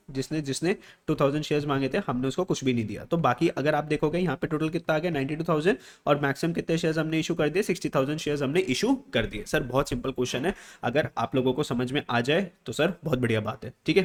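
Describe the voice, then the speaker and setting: A man teaching an accounts lesson, asking questions and answering them himself, repeating key words, with an Indian English accent on the English terms. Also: a little high. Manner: addresses students as beta and sir. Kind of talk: classroom lesson, whiteboard explanation.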